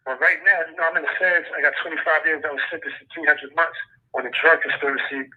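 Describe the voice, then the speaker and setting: A man's voice: on the high side, steady tone, fast, breathy edge. A man from Brooklyn with a Brooklyn New York accent, talking in laid-back street slang as an incarcerated guest calling in on a prison phone line. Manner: laid-back street slang, repeats "you know what I'm saying". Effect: heard over a prison phone line. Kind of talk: casual phone interview.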